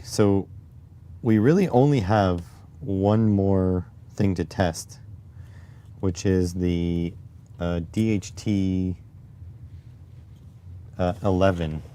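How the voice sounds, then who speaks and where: A man with a raspy voice live-streaming while testing circuit boards, muttering to himself as he works and reading chat aloud. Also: low voice, mellow. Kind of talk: casual live-stream electronics tinkering.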